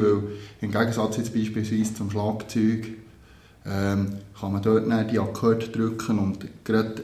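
A man's voice: fairly low pitch, a little mellow. A man, a percussion teacher answering interview questions earnestly and thoughtfully, with small hesitations. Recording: roomy echo.

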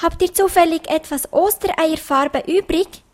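A woman voicing a small, eager bunny boy in a storybook reading. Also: normal speed. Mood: searching. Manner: high, eager and wide-eyed.

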